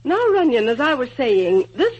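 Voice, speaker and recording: A woman's voice: sits high, sing-song, a little mellow, husky, heavily acted. An actress playing a busy, scatterbrained, motherly nature spirit in a theatrical 1940s radio drama. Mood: kindly fussy. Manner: theatrical, brisk, fussy. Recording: dull lo-fi old radio recording.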